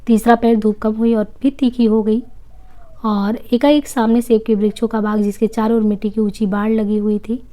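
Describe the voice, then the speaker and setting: Woman narrator reading a novel aloud, mellow and steady, with occasional restarts. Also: fairly high pitch, moderate pace. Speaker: reader.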